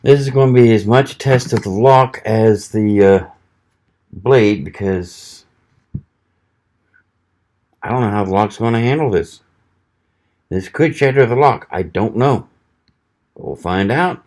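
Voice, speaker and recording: Low-voiced man testing a knife, folksy. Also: unhurried, pauses often. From American South. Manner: relaxed, folksy, thinking aloud while cutting. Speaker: knife reviewer. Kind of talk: casual product test vlog.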